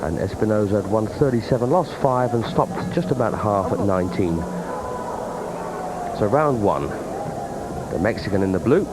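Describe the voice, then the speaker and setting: A man's voice: fairly low pitch, lively intonation, normal speed, long pauses. A man giving conversational boxing commentary. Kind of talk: conversational television fight commentary. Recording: clear background arena noise.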